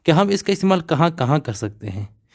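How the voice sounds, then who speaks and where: A man's voice: on the high side, big pitch swings, fairly quick. A man teaching English grammar, explaining step by step and repeating example words one at a time. He asks his class questions and then answers them himself. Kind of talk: grammar lesson explained slowly.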